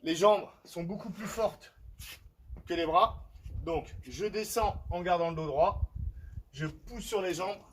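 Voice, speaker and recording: A fitness coach on an outdoor terrace at home explains and demonstrates home workout exercises, often checking in with his listeners. His voice sits high and his pace is slow, and the poor audio carries a little hiss or hum.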